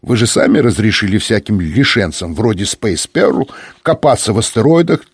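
A man voicing a gruff, laconic older captain who answers in curt grumbles, in a spoken story. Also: fairly low pitch, sing-song, normal speed, no echo. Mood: grumbling.

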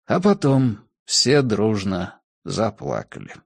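A man narrating a story in an expressive audiobook reading. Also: lowish voice, slow, vocal fry, no echo. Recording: dry close studio sound.

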